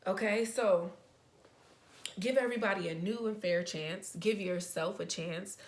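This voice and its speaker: Young woman vlogger, eager and rambling, trips over her words, mid-pitched voice. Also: unhurried. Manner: excited, rambling, stutters often. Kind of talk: casual advice talk to camera.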